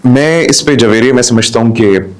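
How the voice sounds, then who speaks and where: A man's voice: medium pitch, moderate pace. A man hosting a podcast discussion, talking with passion and mixing in English. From Pakistan. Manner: impassioned, mixes English into Urdu. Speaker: host.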